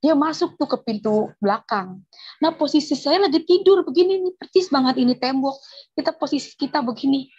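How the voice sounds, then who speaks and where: A woman telling her personal religious testimony in an animated, emotional way, on a dull lo-fi recording. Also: high voice, brisk. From Indonesia. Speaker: testimony giver.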